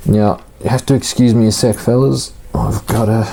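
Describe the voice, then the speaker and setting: A man giving a casual, hands-on tutorial, informal and halting as he thinks aloud while working. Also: mid-range voice, steady tone, gravelly, dark tone. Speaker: hobbyist host of an RC car build series.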